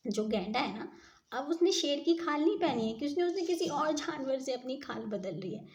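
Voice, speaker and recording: A woman's voice: sits high, animated, normal speed. A woman reading and explaining a children's story, often stopping to ask her listeners questions. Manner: retells each line and explains the wordplay, asks listeners questions.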